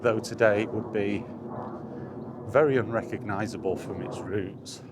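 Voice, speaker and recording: A middle-aged man vlogs about video games in a casual, rambling, reflective way, frequently repeating phrases for emphasis. His pitch is fairly low, his intonation fairly even, and his pace measured, over clear ambient background noise.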